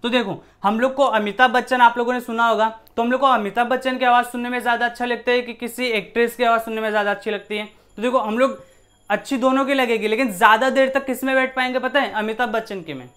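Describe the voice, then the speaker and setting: A man's voice: very high-pitched, fairly even intonation, quick pace, a bit bright. A man teaching a physics lesson in casual classroom style, asking himself questions and repeating key words. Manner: repetitive, rhetorical questions, shifts voice to demonstrate. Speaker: science teacher.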